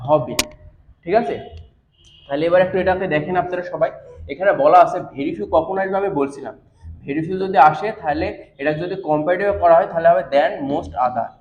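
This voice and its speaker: Fast-talking male teacher in an echoey classroom. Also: fairly high pitch, darkish tone, a little hiss or hum. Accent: Bangladeshi Bengali. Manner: explains step by step, asks rhetorical questions. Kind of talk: classroom grammar lesson. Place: classroom with a board. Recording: echoey, dull classroom recording.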